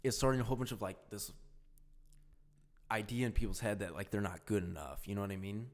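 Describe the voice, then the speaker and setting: A man's voice: lowish voice, fast talker. A young man co-hosting a podcast in casual chat, rambling with lots of fillers like "dude" and "you know what I mean". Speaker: podcast co-host.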